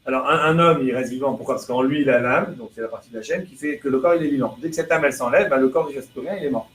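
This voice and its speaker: A man's voice: medium pitch, fast talker, fairly bright tone. A man, a rabbi, giving a religious lesson to a live class, asking rhetorical questions and translating prayer lines phrase by phrase. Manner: explains through chains of rhetorical questions. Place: room with listeners present. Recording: echoey room with faint background noise.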